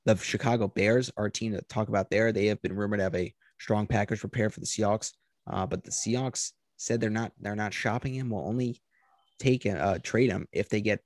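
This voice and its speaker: A man's voice: on the low side, a little mellow, no echo. A man hosting a sports talk show, running through news items and steering the talk. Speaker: host.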